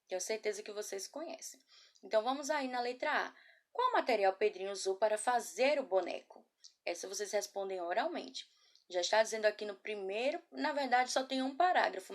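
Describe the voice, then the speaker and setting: A woman teaching a children's class from a camera, patient and affectionate, asking guiding questions and sounding words out slowly. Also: mid-range voice. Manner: patient, slow syllable-by-syllable spelling. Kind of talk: remote class lesson. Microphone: laptop or phone camera.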